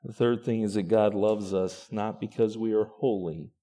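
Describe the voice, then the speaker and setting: A pastor preaching a sermon to his church, swinging from quiet, low passages to loud, rising ones. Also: fairly even intonation, moderate pace.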